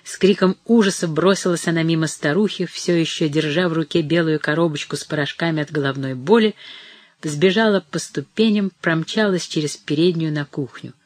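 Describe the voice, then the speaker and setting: A reader narrating a dramatic novel in a measured, storytelling manner. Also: mid-range voice, no room sound. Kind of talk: audiobook narration.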